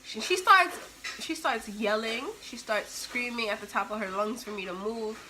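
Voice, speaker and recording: A young woman tells a story to camera with a bright, keen voice. She is animated and expressive and acts out the moments as she goes. A faint hum sits under her speech. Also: a little high, normal speed. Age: young adult. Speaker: vlogger. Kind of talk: storytime vlog.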